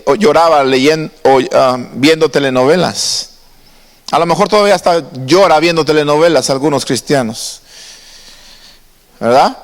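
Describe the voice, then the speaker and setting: A man's voice: a little high, fairly bright tone, in a large hall. A man preaching a sermon to his congregation. He talks in a conversational way and often asks his listeners questions. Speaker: pastor. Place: church.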